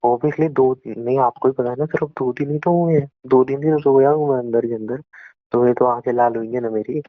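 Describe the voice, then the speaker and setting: Close to tears, a young Indian man repeats his reproaches to an ex in an emotional phone call. His medium-pitched voice holds a steady tone at a brisk clip, with no echo. The call is captured as muffled, lo-fi phone audio.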